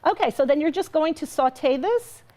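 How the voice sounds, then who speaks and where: A woman's voice: high-pitched, lively intonation, normal speed, a little mellow. A woman guest cook in a TV studio kitchen, chatty and bubbly, laughing often as she walks through recipes. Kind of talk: TV cooking segment.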